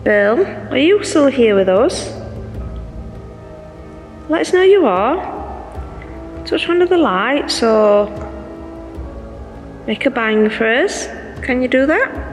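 A woman's voice: high voice, big pitch swings, takes it slowly, pauses often. A woman on a ghost-hunting vlog, talking as a paranormal investigator and addressing spirits aloud. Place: indoor rooms at night. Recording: music underneath. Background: music.

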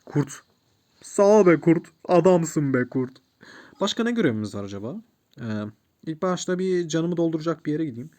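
A man giving chatty, excitable let's play commentary, talking to the game and his viewers and sprinkling in English gaming words. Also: on the high side, normal speed. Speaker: gamer.

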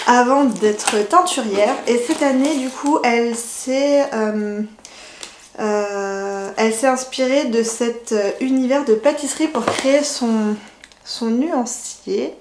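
A woman talks slowly and haltingly, often pausing on fillers and restarting her words. Her voice sits fairly high. The recording is roomy and echoey, with a faint hiss behind her. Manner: hesitant, many fillers and restarts. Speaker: knitting vlogger. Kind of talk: casual unboxing chat.

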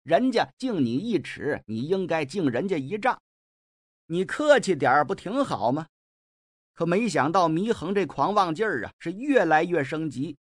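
A middle-aged man narrating a classic tale in a lively, colloquial storytelling style with joking asides. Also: a little high, normal speed, no echo, clean studio sound.

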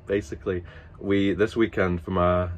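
A man casually telling a family story to camera, rambling and stop-start, breaking into laughter. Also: low voice. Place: at work after dinner.

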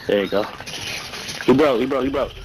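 A man giving profane, excitable live commentary while playing a shooter game. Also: medium pitch, a little fast, over music. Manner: excitable, profane trash talk. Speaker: streamer.

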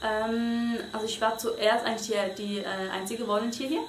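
Here a young adult from Switzerland, taking part as a volunteer interviewee, responds to questions in a relaxed but halting way, with frequent fillers and false starts. Her voice sits on the high side with little pitch movement at normal speed, captured in an echoey small bedroom with faint background noise.

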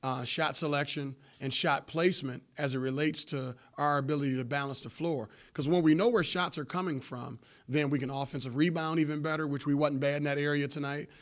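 A man's voice: a little high, fairly even intonation, a bit bright. Man in his 40s explaining measuredly. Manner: measured, explanatory coach talk with frequent fillers. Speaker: head basketball coach. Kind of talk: postgame press conference answers. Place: press room before a sponsor backdrop. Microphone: table microphone in front of him.

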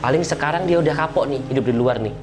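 A man's voice: fairly high pitch, quick pace. A man playing a neighborhood head in a comedy sketch, talking in a chatty, grumbling way. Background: background music.

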